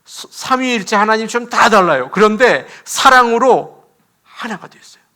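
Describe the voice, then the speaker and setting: A man, a pastor, preaching an animated sermon in a church, laughing as he talks and acting out quotes. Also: sits high, moderate pace.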